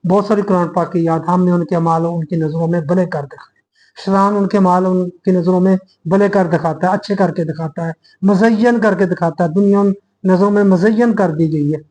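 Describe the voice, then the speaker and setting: A man with a Pakistani Urdu accent delivering an earnest, explanatory sermon-style lecture, addressing listeners as brothers and pausing to restart his thoughts as he reasons aloud. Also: high voice, fairly even intonation, darkish tone, low-quality recording. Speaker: religious speaker.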